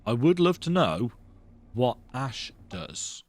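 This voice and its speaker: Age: adult. Sex: man. Role: gamer musing aloud with a lively voice. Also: medium pitch, slow pace. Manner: casual, musing thinking-aloud. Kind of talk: let's-play commentary.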